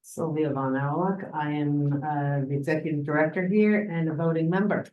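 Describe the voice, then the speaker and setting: Woman, middle-aged, meeting chair, lower voice, breezy and joking, meeting room. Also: fairly even intonation, moderate pace, narrow, tinny audio. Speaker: meeting chair, executive director.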